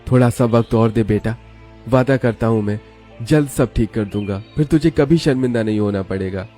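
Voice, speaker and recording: A man's voice: mid-range voice, normal speed, mellow, faint music behind, natural voice. A man voicing a poor, caring father in a cartoon story, speaking earnestly. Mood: promising.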